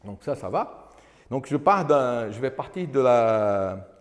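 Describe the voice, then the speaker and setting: A man's voice: mid-range voice, sing-song, slow. A man giving a lecture, explaining rhythm by counting beats, with frequent restarts, and now and then singing verses to illustrate. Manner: explains with counting and sung examples, many restarts. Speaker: lecturer and singer demonstrating cantoria. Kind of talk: lecture with sung guitar demonstration. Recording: lecture hall with long reverb, guitar.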